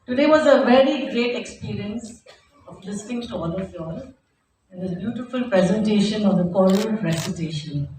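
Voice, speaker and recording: A middle-aged or older woman gives a formal public speech as a competition judge, deliberately stressing her points. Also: mid-range voice, expressive, warm tone. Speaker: competition judge giving remarks. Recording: very echoey hall, distant, faint noise.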